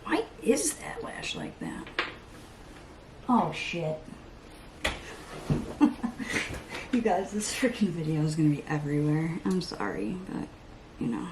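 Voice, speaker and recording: A woman's voice: low-pitched, sing-song, slow pace, long pauses, background noise. A woman in her thirties chatting casually while doing her makeup at home, rambling and talking to herself. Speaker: beauty vlogger. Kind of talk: casual get-ready-with-me chat.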